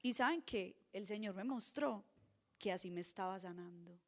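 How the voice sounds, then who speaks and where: A young woman, preaching earnestly at a retreat, moving between soft asides and emphatic points. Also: mid-range voice, normal speed. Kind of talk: sermon.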